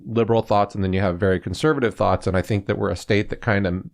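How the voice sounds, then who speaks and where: A man's voice: lowish voice, fairly even intonation, fast talker, creaky. A man from California co-hosting a sports talk show, explaining at length in a rambling way full of fillers. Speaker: sports podcast co-host.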